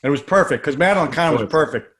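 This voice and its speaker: A man's voice: fairly high pitch, expressive, rapid-fire, a loud crowd. A man casually telling behind-the-scenes stories about a film's casting. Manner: informative, anecdotal. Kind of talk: casual film trivia.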